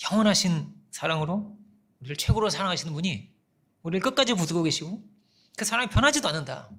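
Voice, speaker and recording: A male pastor giving a sermon in an animated, conversational way, often asking the congregation questions. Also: on the high side.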